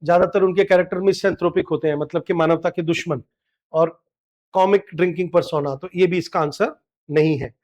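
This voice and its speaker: Indian male tutor, middle-aged, high and clear voice, patient exam-prep lecturing style. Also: fairly even intonation, a little mellow. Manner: explains step by step, reads English quotes slowly. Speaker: literature teacher. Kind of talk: exam-prep lecture, Hindi mixed with English.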